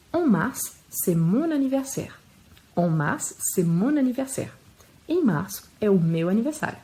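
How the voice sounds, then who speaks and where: A woman in her thirties teaching a French lesson, explaining calmly and patiently and repeating each word slowly so learners can hear the pronunciation. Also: medium pitch, poor audio. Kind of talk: language lesson.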